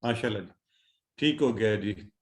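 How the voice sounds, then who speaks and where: A man's voice: lowish voice, moderate pace, echoey room. A male teacher leading an online class, patiently drilling word forms and calling on students one by one. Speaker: Quran Arabic teacher.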